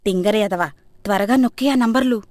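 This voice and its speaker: A woman's voice: medium pitch, brisk, dry recording, studio quality, natural voice. A woman voicing a bossy, scolding middle-aged mother-in-law who barks orders. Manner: loud and scolding.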